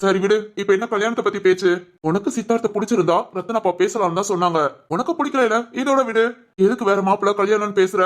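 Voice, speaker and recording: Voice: medium pitch, fast talker, natural voice. A performer voicing a caring young man in a cartoon, a protective older brother who reassures and advises his sister. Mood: persuading. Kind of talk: cartoon voice acting.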